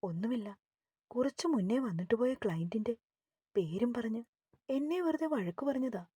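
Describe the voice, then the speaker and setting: A woman voicing a timid young employee who speaks quietly and with resignation. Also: mid-range voice, measured pace, breathy edge, dry recording, studio quality. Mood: resigned.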